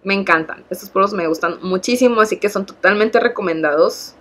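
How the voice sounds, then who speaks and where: A woman's voice: medium pitch, brisk, a bit bright. A young woman with a Mexican accent reviewing makeup products in a casual, enthusiastic vlog, often repeating words for emphasis. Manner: enthusiastic, gushing, repeats "muy, muy". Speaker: beauty vlogger.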